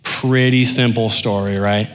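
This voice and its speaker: A man preaching a sermon, animated and joking with the congregation, then dropping into quiet intensity. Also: fairly low pitch, a little slow. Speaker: pastor.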